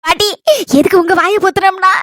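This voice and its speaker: A woman's voice: very high-pitched, fairly even intonation, fast talker, fairly bright tone, no room sound, clean studio sound. A woman with a Kanyakumari Tamil accent performing a comic village skit. She chatters on, blurting things out with a playful stammer.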